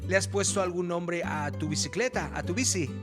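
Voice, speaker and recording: A man's voice: high-pitched, normal speed, a bit bright. A man hosting a community news segment and interviewing a guest in a friendly way. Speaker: news host. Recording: guitar music underneath.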